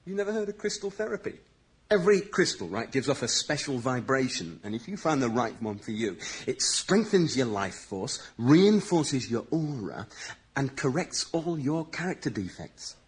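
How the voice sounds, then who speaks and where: A man's voice: medium pitch, very animated, normal speed, slightly rough. A man hosting a comedy radio show, chatty, earnest and boastful in a scripted sketch.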